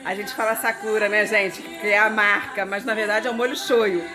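This home cooking vlogger, a woman in her forties from Brazil, talks to her viewers in a mid-range voice with a level tone and moderate pace. She's cooking in her kitchen, filmed up close on a phone, while a pan sizzles and music plays.

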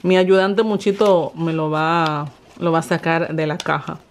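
A Dominican woman vlogging at home as she opens birthday gifts, expressive and emotional, laughing often. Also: low voice, a little slow, reverberant, a little hiss or hum. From Dominican Republic. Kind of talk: casual vlog, opening birthday gifts. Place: home, indoors.

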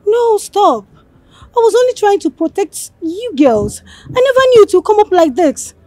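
A woman's voice: extremely high pitch, very animated, dark tone, no echo, exaggerated voice. An actress playing a defensive young female student. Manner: defensive, rushed.

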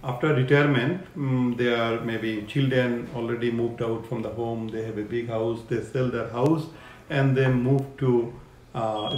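A man in his fifties from Bangladesh, a care home owner, answering interview questions in a halting way with many fillers, seated on a sofa in a living room. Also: mid-range voice, darkish tone, echoey room, slight background noise.

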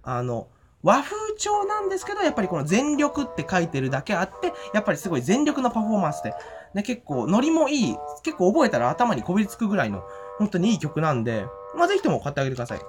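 Giddy, rambling man with lively pitch. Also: fast talker, music in the background. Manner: frequent giggles and fillers. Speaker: fan vlogger. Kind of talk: casual event report vlog. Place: at home after the event.

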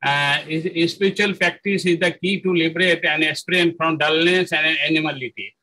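Bright, high-pitched man lecturing haltingly. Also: fairly even intonation, low-quality recording. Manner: halting, with frequent fillers and self-corrections. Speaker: spiritual lecturer. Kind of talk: spoken lecture on spiritual practice.

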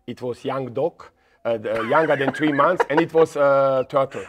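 Speaking as a guest in a casual interview, a middle-aged Croatian football coach uses non-native English that halts and repeats words, growing animated at times while telling a story. His voice is mid-range at normal speed, picked up by a lapel mic on a dark studio set with red armchairs, with background noise present.

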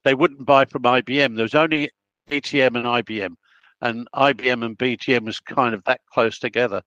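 An Australian man in his 80s, a project planner appearing as a guest, tells stories in a casual interview at an unhurried, rambling pace, often stopping mid-sentence to start over. His pitch is ordinary and his tone steady and a little bright. The recording is dry and slightly muffled, with no echo.

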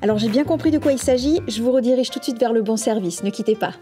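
A woman's voice: fairly high pitch, fast talker, warm tone, lightly acted. A woman playing a bumbling customer service agent, speaking in a phone-greeting manner in a comic training sketch. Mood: polite, helpful. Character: bumbling, slightly flippant call-centre customer service agent. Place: small office set, indoors. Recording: background music.

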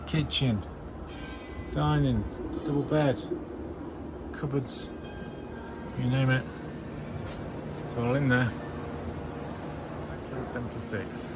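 A man's voice: mid-range voice, takes it slowly, pauses often. A man giving casual, enthusiastic commentary as he walks through a large indoor museum hall, filmed with a handheld camera mic. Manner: enthusiastic, exclamatory remarks while walking. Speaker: vlogger. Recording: noisy handheld museum recording.

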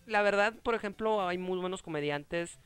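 Playing a video game on a webcam call from an indoor room, a young adult man with a Mexican accent hosts with playful, dramatic flair, full of exclamations and mock voices. His voice is high, clear, resonant and fairly bright, at a moderate pace, with faint music behind him.

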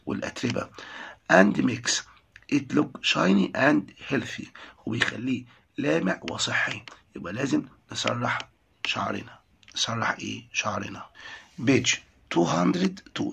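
A man with an Egyptian Arabic accent, teaching an English lesson, reading each phrase slowly, translating it, then quizzing the listener. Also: mid-range voice, expressive, gravelly, fairly bright tone, slightly rough.

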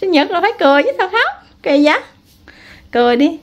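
A woman's voice: very high-pitched, very animated, fast, highs cut off. A woman, a mother chatting casually while filming her family, teasing and coaxing her child. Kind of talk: casual family vlog chat.

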